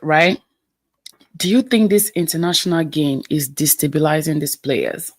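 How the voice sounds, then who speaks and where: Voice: mid-range voice, normal speed, dry recording. A co-host in a casual football chat who asks questions and answers with short words of agreement. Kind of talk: casual match-review chat.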